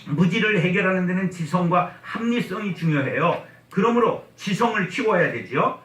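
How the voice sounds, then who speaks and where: Lively male preacher in an echoey church. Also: a little high. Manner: playful, has the congregation repeat phrases, mimics slow provincial speech. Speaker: guest pastor at a revival meeting. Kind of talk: lively revival sermon with humor. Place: church sanctuary. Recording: echoey church hall, mic at a distance.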